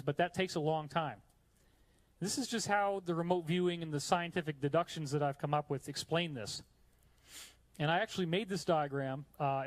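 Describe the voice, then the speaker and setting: A man from New York giving a live lecture with slides in a hot room, explaining eagerly and chatting to the audience between points. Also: on the high side. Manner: enthusiastic, chatty asides to the audience. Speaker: conference speaker.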